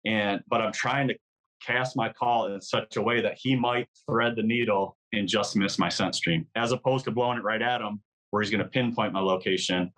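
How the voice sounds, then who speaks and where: A man's voice: fairly low pitch, steady tone, moderate pace, fairly bright tone, poor audio. A man from Michigan, a podcast guest, telling a hunting story in a casual, vivid way, full of "like"s and mimicked deer calls.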